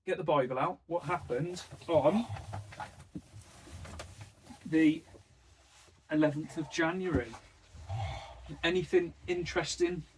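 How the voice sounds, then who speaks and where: A man's voice: on the high side, fairly even intonation, slow pace, long pauses, a little hiss or hum. A middle-aged man chatting casually outdoors as a podcast co-host, easygoing and asking his mate questions. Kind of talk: casual chat. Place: outdoors in the cold.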